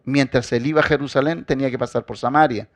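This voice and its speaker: A man preaching a sermon as pastor. He addresses the congregation directly and swings between loud, forceful emphasis and quiet asides. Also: mid-range voice, steady tone, fast, no room sound.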